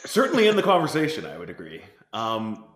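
A man's voice: on the low side, huge pitch swings, fairly quick, a bit bright, roomy sound. A man chatting animatedly about a film, emphatic and enthusiastic. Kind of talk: casual film discussion.

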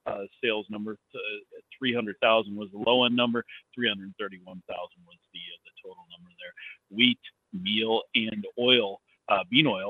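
A man's voice: lowish voice, no echo. Man talking over a tinny phone line. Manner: hesitant, many filler sounds. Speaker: market analyst guest. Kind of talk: phone interview.

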